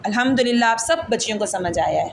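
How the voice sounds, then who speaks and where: A woman's voice: mid-range voice, animated, gravelly, a little hiss or hum. A woman with a Pakistani Urdu accent teaching an online Quran recitation lesson, patiently drilling letters and vowels and quizzing her pupils. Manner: patient, repeats and asks the class questions.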